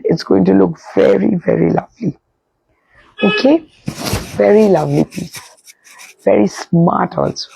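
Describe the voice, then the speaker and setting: Hoarse, croaky woman with a sore throat. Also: mid-range voice, warm tone, dry recording, dull audio. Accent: Indian Bengali. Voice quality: husky, croaky, breaking into breathy whisper. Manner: repetitive, with frequent "okay" check-ins. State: hoarse from a bad sore throat, voice strained and breaking. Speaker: live sari sales host. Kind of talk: live shopping presentation, casual product showcase.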